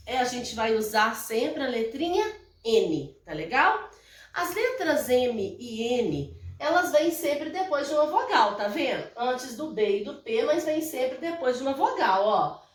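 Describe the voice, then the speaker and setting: With a voice that sits high, a Brazilian woman who teaches primary school records a lesson for young children. In Brazilian Portuguese she explains slowly, patiently and repetitively, frequently checking whether her pupils are following along, captured by a mic set at a distance in an echoey room.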